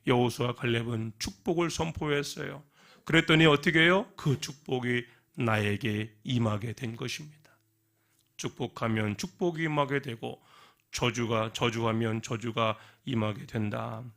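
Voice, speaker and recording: A male pastor preaching a sermon in a lively way, often putting questions to the congregation. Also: mid-range voice, normal speed, gravelly. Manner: animated, asks the congregation questions. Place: church.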